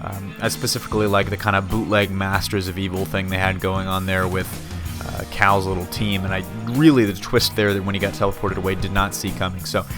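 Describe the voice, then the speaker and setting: A man's voice: low-pitched, flat delivery, a little fast, over music. A man hosting a casual, conversational review, his mouth swollen and a little woozy after having his wisdom teeth out. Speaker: host of a TV episode review show.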